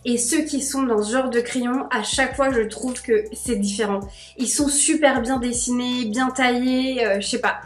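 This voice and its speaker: A woman's voice: a little high, fairly even intonation, normal speed, hardly any pauses, echoey room. A young woman vlogging in a casual, bubbly, gushing way, chatting straight to camera. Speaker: beauty vlogger.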